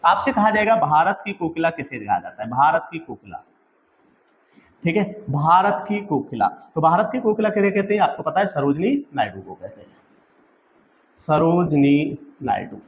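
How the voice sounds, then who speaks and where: A man with a high-leaning voice and big pitch swings delivers a quiz-style exam-prep lecture at a moderate pace, over slight background noise. He poses each question, supplies the answer, then asks it again so students repeat it, constantly calling his audience friends.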